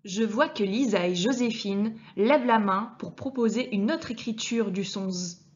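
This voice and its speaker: A woman teacher giving a clear reading lesson to young children, speaking to the child directly and sounding out each letter with care. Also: mid-range voice, highs cut off. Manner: patient, addresses the child directly, deliberately articulated sounds. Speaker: primary school teacher.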